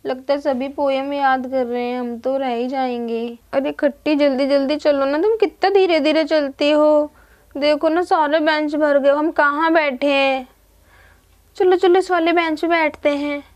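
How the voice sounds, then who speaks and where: High-voiced woman voicing doll schoolgirls. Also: steady tone, a little slow. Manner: plays every child and the teacher herself in one voice. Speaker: doll-play narrator and voice of all characters. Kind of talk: Barbie doll story play.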